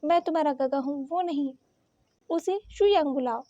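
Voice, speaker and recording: A stern, possessive president who snaps out short commands, as a woman plays him. The voice stays very high with a warm, mellow tone. The sound is dry and close. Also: moderate pace, dry recording, highs cut off, lightly acted. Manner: curt, commanding, scolding.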